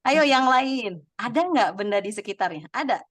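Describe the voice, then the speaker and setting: A woman's voice: fairly high pitch, lively intonation, moderate pace, a bit bright, dry recording. A woman giving a webinar to teachers over a video call, chatty and laughing often as she calls on participants by name. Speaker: webinar presenter. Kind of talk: lively teaching talk to teachers.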